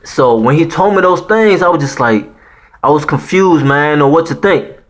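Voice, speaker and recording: With an expressive voice on the high side and a normal pace, this thirty-something Haitian man shares a personal story with viewers in his Haitian accent. He's casual and profane, leaning on slang and fillers like "man" and "you know what I'm saying."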